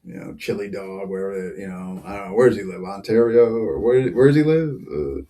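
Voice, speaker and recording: A man's voice: lowish voice, brisk, dark tone. Guy hosting a podcast, rambling casual chat, laughs a lot. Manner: chatty, laughs often, many fillers. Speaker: podcast host.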